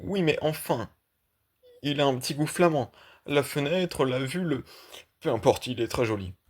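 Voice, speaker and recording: A man doing a smug, high-pitched art collector. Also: normal speed, natural voice. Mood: pleased. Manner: lively, self-satisfied, teasing. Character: smug middle-aged male art collector. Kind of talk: audiobook reading of a play.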